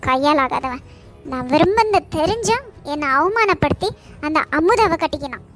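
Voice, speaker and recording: A very high-pitched, sharp-tongued cartoon sister-in-law, bitter and resentful, as a woman plays her. Every line comes out cutting and taunting. Faint music plays under the voice. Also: animated, moderate pace. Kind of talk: cartoon voice acting. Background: faint background music.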